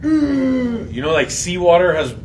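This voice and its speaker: In a roomy, echoey space with faint noise and a distant mic, a group Bible reading leader runs a casual, interactive lesson. He's playful and slangy, asks lots of questions, and speaks slowly in a high-pitched, sing-song voice.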